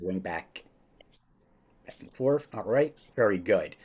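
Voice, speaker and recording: A man hosting a podcast interview over a video call, speaking slowly and emphatically, with lots of encouraging praise. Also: lowish voice, expressive, crowd noise. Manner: slow, emphatic, upbeat delivery with drawn-out phrases; repeats praise like a mentor. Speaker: podcast host.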